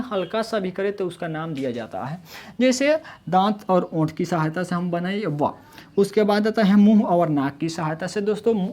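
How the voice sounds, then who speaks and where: A man giving a grammar lesson, often asking rhetorical questions and answering them himself, and sounding out letters slowly to demonstrate. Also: high-pitched, a little mellow. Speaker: Hindi grammar teacher. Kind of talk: explanatory online lesson.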